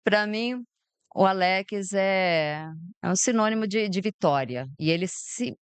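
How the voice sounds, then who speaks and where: A woman from Brazil hosts a podcast and introduces her guest cheerfully, laughing often. Her voice is smooth and resonant at a middle pitch. The sound is dry and close. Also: dry recording. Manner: warm introductions, laughs easily. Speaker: podcast host. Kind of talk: casual chat. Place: stage of a bar.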